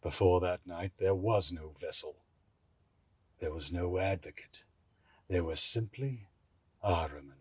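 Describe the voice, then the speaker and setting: Playing a scheming escaped asylum patient for an audio drama, this male actor uses a low-pitched, husky voice in a dry recording. He sounds quietly menacing and smugly intense, measured, theatrical, and patronizing.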